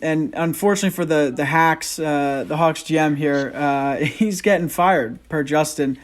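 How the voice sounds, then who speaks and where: A man's voice: fairly high pitch, normal speed. A man co-hosting a casual sports podcast, easygoing as he explains his picks.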